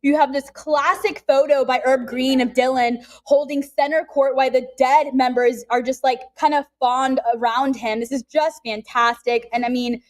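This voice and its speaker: A woman working as an auctioneer, briskly calling live bids in a repetitive chant, urging bidders on and adding chatty asides. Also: high voice, steady tone.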